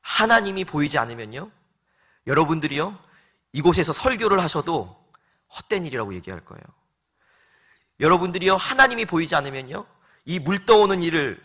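Lively, bright-voiced male pastor preaching. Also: a little high, husky. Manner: lively, rhetorical questions, pleading repetition. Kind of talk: sermon. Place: church sanctuary.

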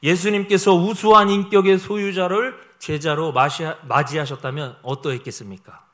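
A man preaching a sermon, animated, swinging between loud emphasis and hushed remarks, with humorous asides. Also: a little high, normal speed. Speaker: pastor.

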